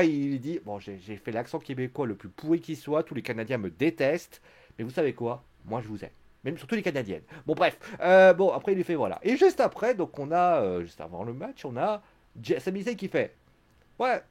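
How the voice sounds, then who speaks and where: Streamer français, récit animé et blagueur. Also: male voice, medium pitch, big pitch swings, a little fast, darkish tone. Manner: chatty, joking, theatrical asides. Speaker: wrestling show reviewer. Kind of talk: casual live-stream recap.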